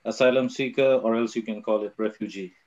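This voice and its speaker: A man's voice: on the low side, steady tone, a little fast, a little mellow, lo-fi sound. A man talking casually in a group conversation. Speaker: participant, asylum seeker.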